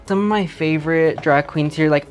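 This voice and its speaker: A man's voice: a little high, moderate pace. Casual, hesitant man over music. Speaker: producer being made up as guest. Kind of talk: casual chat. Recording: music playing behind.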